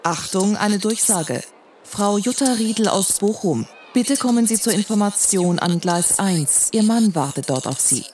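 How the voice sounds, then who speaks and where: A woman reading a formal public announcement, heard over a station loudspeaker. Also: mid-range voice, expressive, measured pace, slight background noise. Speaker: station announcer in a listening exercise.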